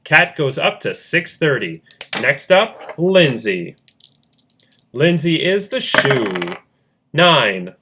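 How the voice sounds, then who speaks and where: Over a noisy background, a man with a slightly high voice speaks slowly, his pitch swinging widely. He's running a fan game, narrating rolls and moves play-by-play in a chatty way, cracking jokes and laughing often.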